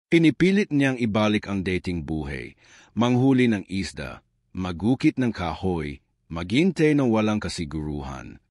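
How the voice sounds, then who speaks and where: A man's voice: deep voice, big pitch swings, normal speed, darkish tone, dry recording, clean studio sound. A man narrating a scripted horror story in a dramatic, suspenseful manner.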